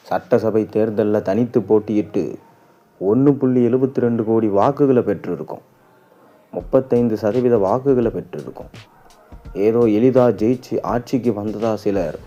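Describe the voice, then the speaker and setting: A man reading the news, relaying a political speech in a steady, even voice. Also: lowish voice. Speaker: news reader. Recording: dull lo-fi audio with faint music.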